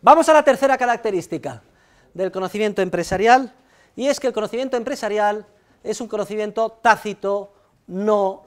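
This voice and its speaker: A middle-aged man from Spain with a Spanish accent, giving a university economics lecture in a classroom, lively, repeating key points and tagging phrases with a questioning "eh". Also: high voice. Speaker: economics professor.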